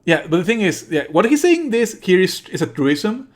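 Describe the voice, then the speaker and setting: Speaking in a high, sing-song voice, this male streamer comments casually on a game. He's scornful and opinionated, swears, and explains things haltingly with phrases he keeps repeating.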